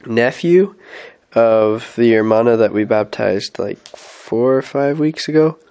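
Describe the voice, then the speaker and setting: A young man on a mission gives a casual weekly update vlog, his mid-range voice slow, darkish, clear and resonant. Stuffy with a head cold, he talks through his week with plenty of fillers and restarts.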